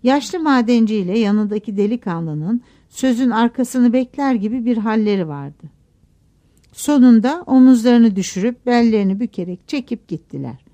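A woman narrating a novel aloud in a measured, expressive audiobook reading. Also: fairly high pitch.

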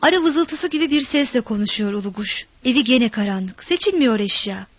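High-voiced woman narrating a story. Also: expressive, normal speed, dry recording.

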